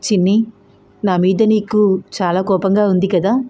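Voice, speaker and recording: A woman's voice: medium pitch, fairly even intonation, unhurried, warm tone, natural voice. A woman voicing a young husband who pleads and tries to explain himself, in an emotional audio story. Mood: pleading.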